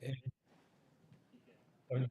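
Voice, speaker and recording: A mellow-voiced man, interviewed about his job as a radio producer, explains his work in measured phrases, pausing haltingly mid-sentence.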